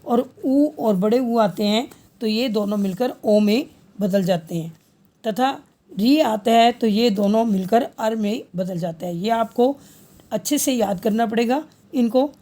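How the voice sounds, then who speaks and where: A woman's voice: a little high, unhurried, warm tone. Patient woman teaching grammar. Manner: patient, repeats each answer as a question. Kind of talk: Hindi grammar lesson.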